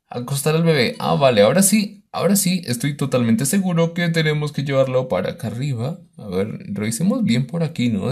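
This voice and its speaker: A man's voice: medium pitch, creaky, darkish tone, breathy edge. A man doing let's play commentary of a horror game, exclaiming and talking to the baby on screen. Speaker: gaming YouTuber.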